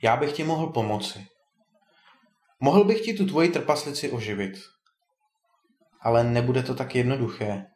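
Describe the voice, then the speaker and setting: A man voicing a kindly, teasing old male wizard in a storybook tale, a bit higher than his narration. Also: animated, pauses often, a little mellow, close to an everyday voice. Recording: roomy echo.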